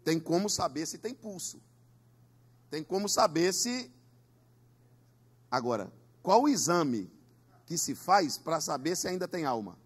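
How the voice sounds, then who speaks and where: A man's voice: fairly high pitch, very animated, a little slow, long pauses, husky. A man preaching a Pentecostal sermon in a church, emphatic, with call-and-response. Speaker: pastor.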